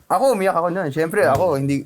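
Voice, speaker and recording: A young adult man, an actor and interview guest, telling a personal story in an animated way, laughing often and acting out the voices in it. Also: on the high side, fast, crowd noise.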